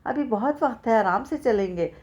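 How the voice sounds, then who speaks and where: A woman reading the part of a kindly older mother-in-law who talks gently and coaxingly. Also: a little high, animated, moderate pace, lightly acted.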